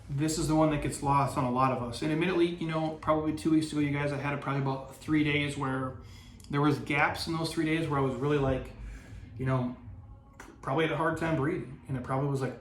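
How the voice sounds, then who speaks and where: Earnest man in an echoey room. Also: medium pitch. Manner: earnest, repetitive restarts, casual swearing. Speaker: podcast host. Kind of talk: motivational podcast monologue. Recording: roomy echo, faint background noise.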